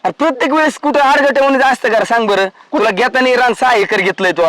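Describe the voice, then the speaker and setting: Quick, aggrieved man. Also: very high voice, fairly bright tone. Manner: aggrieved, complaining. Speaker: older brother, farmer. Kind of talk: village family drama acting.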